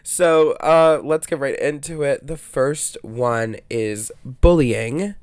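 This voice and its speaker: A man's voice: mid-range voice, slow pace, a little mellow, dry recording. A man with allergy congestion, hosting a casual solo podcast in a rambling, slangy, self-interrupting way. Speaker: podcast host.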